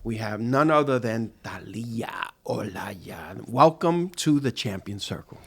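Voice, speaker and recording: A man's voice: medium pitch, animated, takes it slowly, a bit bright, slightly rough. Guy hosting an interview podcast, friendly and upbeat. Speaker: podcast host.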